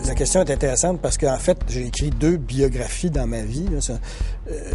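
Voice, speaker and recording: A man's voice: medium pitch, dark tone, breathy edge. A man, a journalist and biographer, explaining his work in an interview with frequent hesitations and restarts. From Quebec, Canada. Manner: hesitant, many fillers and restarts. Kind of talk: recorded interview, thoughtful explanation.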